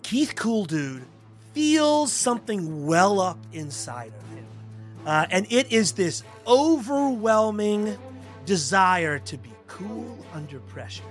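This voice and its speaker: A man's voice: sits high, very animated, slow, faint music behind. A man playing a tabletop game, casually and jokingly narrating his own character's actions.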